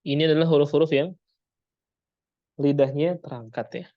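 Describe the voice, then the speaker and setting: A man's voice: a little high, normal speed, no room sound, dull audio. A man with an Indonesian accent teaching Quran pronunciation, patiently repeating sounds and quizzing his class.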